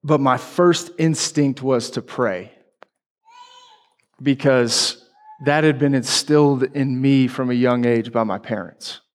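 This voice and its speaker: A man's voice: medium pitch, takes it slowly. A man preaching a sermon, telling a personal story candidly and emotionally.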